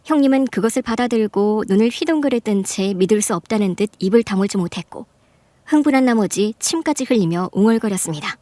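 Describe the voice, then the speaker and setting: A voice actress playing a middle-aged mother who narrates in a measured way and confronts her sister-in-law firmly. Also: mid-range voice, animated, dry recording, natural voice. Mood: narrating. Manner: measured storytelling, firm and sharp when confronting. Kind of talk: Korean radio drama narration.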